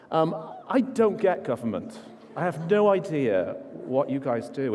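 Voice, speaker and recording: A man's voice: medium pitch, warm tone, a little hiss or hum. A man giving an informal, self-deprecating keynote talk full of stories at a large conference. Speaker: conference speaker. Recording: long hall reverb.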